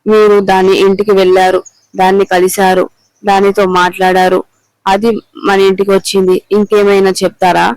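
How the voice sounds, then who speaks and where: A man reading the lines of an angry middle-aged wife who accuses her husband of betrayal, in an even, clear voice. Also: medium pitch, moderate pace, no room sound, lightly acted, rough recording. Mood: accusing. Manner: accusing, bitter.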